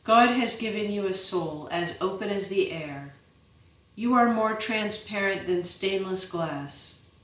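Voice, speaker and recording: A gentle, good-humored older abbot speaking to a younger monk, as voiced by a woman reading the book. His words come slowly, from a distance, in an echoing room. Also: mid-range voice, expressive. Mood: kindly. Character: kindly, gently teasing older male abbot. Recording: roomy, voice set back from the mic.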